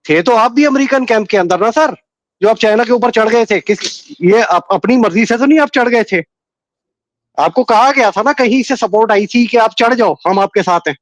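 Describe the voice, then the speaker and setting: A man's voice: high-pitched, moderate pace, no echo. A man joining a political panel remotely, combative and mixing English phrases into his speech.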